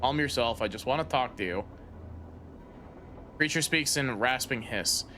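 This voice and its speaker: A man's voice: mid-range voice, moderate pace, sharp tone, slight background noise. A man streaming a fantasy game, casually reading the on-screen text aloud with hesitant fillers. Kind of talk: let's play commentary, reading game text. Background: game music.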